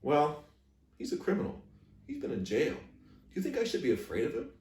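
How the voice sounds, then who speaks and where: A man's voice: a little high, wildly swooping pitch, moderate pace, a little mellow, voice pushed up. A man voicing a curious, earnest young Southern girl who asks polite, innocent questions in a story read aloud. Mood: uneasy, curious. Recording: echoey room, distant microphone.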